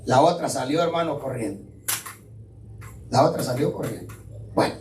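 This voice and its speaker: Conversational preacher in an echoey hall. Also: male voice, medium pitch, normal speed, a little mellow, distant mic, a little hiss or hum. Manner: conversational, keeps checking in with the congregation. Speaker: pastor. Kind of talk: sermon. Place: church hall.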